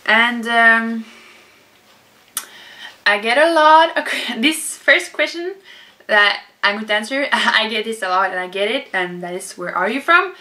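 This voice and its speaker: A young Norwegian YouTuber with a Norwegian accent answers viewer questions in a casual vlog Q&A that's chatty, rambling and full of fillers and restarts. Her fairly high voice is animated, pushed and bright, and a little slow.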